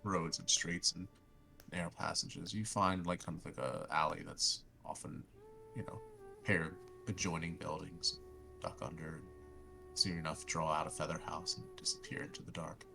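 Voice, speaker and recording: A man improvising narration as game master of a tabletop fantasy game, halting as he thinks aloud. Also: sits low, fairly even intonation, gravelly, over music.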